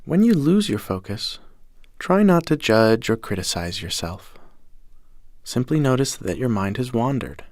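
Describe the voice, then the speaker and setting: A man gently narrating a scripted guided breathing meditation in a calm, measured way, with soft phrase endings. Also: mid-range voice, no room sound, clean studio sound. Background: music.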